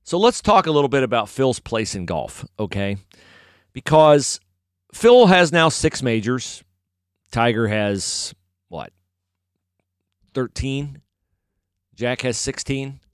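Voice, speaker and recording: Opinionated man with a smooth voice. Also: mid-range voice, big pitch swings, slow, pauses often, no echo, clean studio sound. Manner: opinionated, rambling, self-correcting. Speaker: sports commentator. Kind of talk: casual solo commentary.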